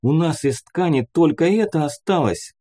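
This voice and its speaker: A man's voice: a little high, lively intonation, normal speed, mellow, voice pushed up. A man voicing an anxious young woman. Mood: worried. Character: worried young woman medic helper.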